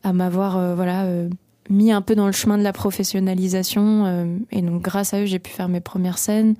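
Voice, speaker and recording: In a radio interview, this young Paris-region singer-songwriter talks briskly yet hesitantly, full of fillers and restarts. Her medium-pitched, level voice is mellow, captured in a dry, studio-quality recording.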